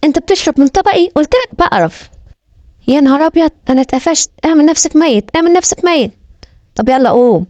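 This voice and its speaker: A woman with an Egyptian accent gives animals funny voices, her tone high and her talk quick and playful. Her voice sits on the mellow side, recorded dry and close. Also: expressive, dry recording. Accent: Egyptian Arabic. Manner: playful, bantering. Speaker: comic voice-over dubber. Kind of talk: comic animal voice-over.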